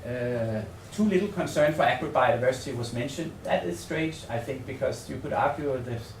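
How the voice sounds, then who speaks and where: A Danish researcher with a Danish accent speaks English as a second language at a hotel seminar, giving a semi-improvised conference presentation. He's halting and tentative, thinking aloud and repeating words, yet animated, with a medium-pitched, creaky voice. The recording has an echoey room, a distant mic and faint noise.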